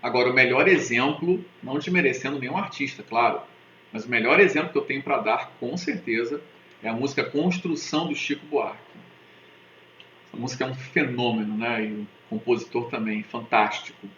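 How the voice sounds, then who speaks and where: A man's voice: medium pitch, fairly quick, pushed and bright, slight background noise. A man with a Brazilian Portuguese accent, teaching an online literature lesson in a chatty, jokey way, often checking in with his students. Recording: roomy, slightly dull sound with faint ambience.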